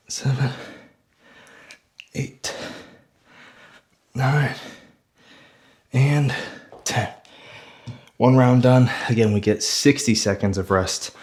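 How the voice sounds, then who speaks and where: A man leading a follow-along workout as a fitness coach, out of breath, counting reps aloud that trail off breathy mid-set. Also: mid-range voice, darkish tone.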